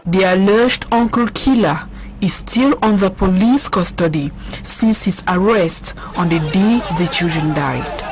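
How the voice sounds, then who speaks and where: A woman's voice: medium pitch, a little slow, low-quality recording. A woman reading scripted news narration as a reporter. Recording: music and crowd behind voice-over. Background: music and crowd sounds.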